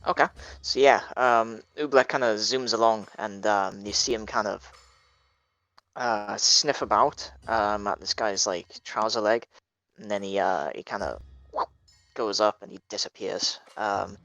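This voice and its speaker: A man's voice: lowish voice, unhurried, a bit bright, dry recording, highs cut off. A man narrating a tabletop game as dungeon master, hesitant and full of fillers.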